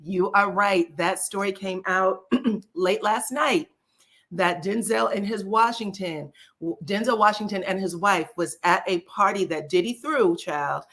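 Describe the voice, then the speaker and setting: A celebrity gossip YouTuber talks directly to her audience during a relaxed gossip live stream. Her voice is medium-pitched, a little bright, and scratchy, and her delivery is homey and plain-spoken.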